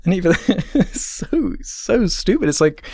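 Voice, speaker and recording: A man's voice: sits high, big pitch swings, unhurried, a little mellow, no room sound. A man co-hosting a podcast, rambling casually through a film review and trailing off with laughs. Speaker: podcast co-host.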